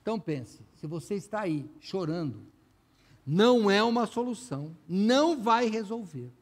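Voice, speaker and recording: A man's voice: high-pitched, lively intonation, measured pace. A man with a Brazilian Portuguese accent, a pastor preaching a sermon in a conversational way, often speaking straight to the congregation. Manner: conversational preaching, frequent direct address to the congregation.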